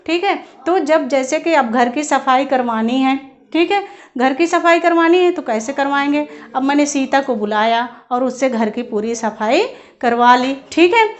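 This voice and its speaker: Female teacher, high voice, patient lesson delivery with frequent check-ins. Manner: repeats "ठीक है" after each point, explaining patiently. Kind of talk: Hindi grammar lesson.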